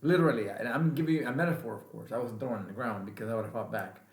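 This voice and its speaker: A man's voice: medium pitch, very fast. A male veteran vlogger giving an angry, emphatic political rant and repeating his points. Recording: roomy echo.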